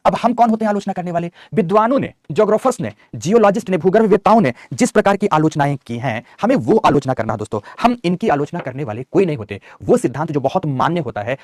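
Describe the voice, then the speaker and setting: A man's voice: a little high, no echo, clean studio sound. A man teaching geography in an online class, dictating notes and coaxing and scolding his students. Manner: scolding and coaxing students, calls them beta.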